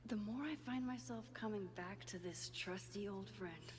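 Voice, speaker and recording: A woman's voice: mid-range voice, moderate pace, in a large hall, a little hiss or hum, lightly acted. An actress playing a young adult woman, a reflective video game heroine thinking aloud. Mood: wry, reflective.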